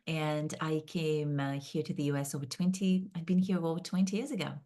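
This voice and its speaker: Woman, lowish voice, thinks out loud with lots of ums, podcast guest. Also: fairly even intonation, brisk. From Kazakhstan. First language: Russian. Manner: thoughtful, with many fillers and restarts. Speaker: guest, business founder. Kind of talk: podcast interview.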